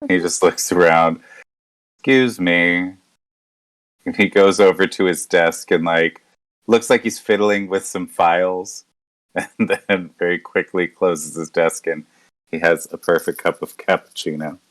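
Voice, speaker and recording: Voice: sits low, steady tone, normal speed. A game player with casual, wry storytelling at a tabletop session, describing a character's actions.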